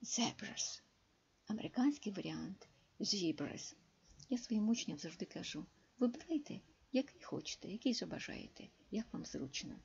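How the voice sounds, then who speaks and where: A woman teaching English, slowly and carefully translating and explaining words one by one. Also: on the low side, creaky, mellow, husky. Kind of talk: slow bilingual lesson, translating words. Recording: dull lo-fi recording.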